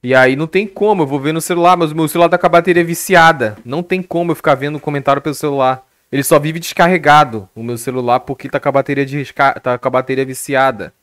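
A man's voice: a little high, fairly even intonation, fast talker, few pauses, a bit bright, no room sound, studio quality. A young Brazilian man on a live stream telling a story in a casual rant, swearing constantly and talking animatedly into a headset. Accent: Brazilian Portuguese.

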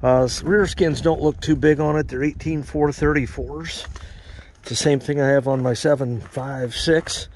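With a fairly high-pitched voice at normal speed, a male farm equipment vlogger gives loose walk-around commentary at a snowy outdoor equipment auction lot, speaking into a handheld camera. He sounds relaxed, rambles, and uses fillers, and the recording carries a little hiss or hum.

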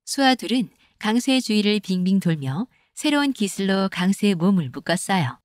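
A woman narrating a comic folktale animation in a gentle storytelling cadence. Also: mid-range voice, sing-song, normal speed, dry recording, studio quality.

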